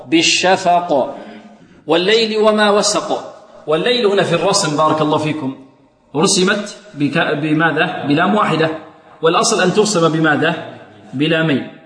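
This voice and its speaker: A man teaching Quran recitation, quizzing students with questions and modeling each sound again and again. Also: a little high. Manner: poses questions to students and answers them, models and repeats pronunciations. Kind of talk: recitation lesson. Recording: echoey hall with long reverb.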